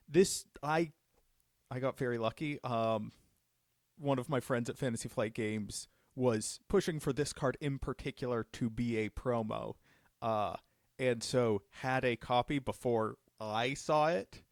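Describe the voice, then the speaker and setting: An upbeat man hosts a casual live stream, talking through card reveals with plain enthusiasm. His voice sits in an ordinary middle pitch, recorded close and dry with no room sound. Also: darkish tone, dry recording. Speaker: judge program host.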